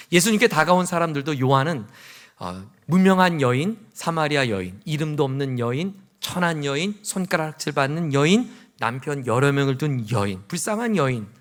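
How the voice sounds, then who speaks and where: A man's voice: a little high, a bit bright. A male pastor preaching a sermon in an earnest way, full of rhetorical questions.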